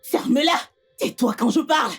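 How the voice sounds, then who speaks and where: A woman dubbing a vengeful, obsessive woman who shouts insults and threats. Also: high voice, animated, normal speed, slightly rough, soft background music, heavily acted. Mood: furious. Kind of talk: dubbed film acting.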